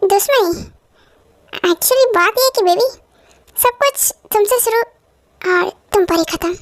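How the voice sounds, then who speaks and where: A woman's voice: very high voice, a little slow. A woman voicing a scheming male boss who teases and coaxes, calling the other man baby, in a fan dub of a romance drama. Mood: smug. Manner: teasing, coaxing, calls everyone baby. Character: scheming male boss villain, lustful and smug.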